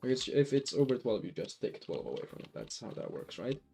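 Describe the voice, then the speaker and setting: Streaming a game live, a lightly accented Finnish man rambles along, often restarting and using many fillers. He speaks fairly quickly in a medium-pitched, sing-song, mellow voice with vocal fry, over a little hiss or hum.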